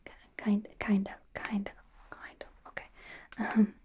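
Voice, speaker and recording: A woman whispers slowly and softly as a bumbling werewolf doctor in training during an ASMR medical exam roleplay, her breathy, mid-range voice monotone and natural. She's hesitant and stammering, softly flustered, defensive but eager, with a gentle, encouraging mood. The close-up whispering carries faint background noise.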